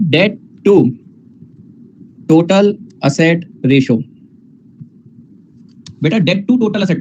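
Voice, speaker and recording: A man's voice: high voice, darkish tone, lo-fi sound, a little hiss or hum. A man teaching an online finance class, repeating formulas and calling his students "beta", with a teasing manner.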